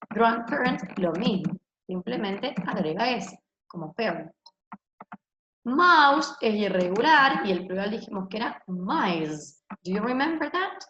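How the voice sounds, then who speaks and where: Recorded through what sounds like a laptop mic, a woman teaching English explains in Spanish during an online class and says "ok?" nonstop. Her pitch is medium, and the audio is echoey, dull, and lo-fi with a faint hiss.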